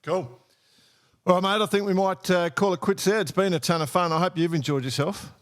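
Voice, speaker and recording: A man's voice: high-pitched, steady tone, brisk. A man with an Australian accent hosting a podcast in a casual, chatty style. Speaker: podcast host. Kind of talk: casual chat.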